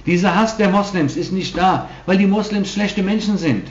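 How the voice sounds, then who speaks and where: A man preaches with emphatic conviction, often breaking off and restarting mid-sentence. His voice sits a little high for a man. The recording is muffled and carries the echo of a large hall. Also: normal speed, slight background noise. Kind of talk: sermon. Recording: dull roomy hall recording.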